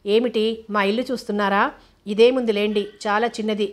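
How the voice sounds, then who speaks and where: Frank cheerful college girl, woman reading her in an audio novel, even flat tone, says it straight. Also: mid-range voice, a little fast, natural voice. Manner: frank, lively chatter.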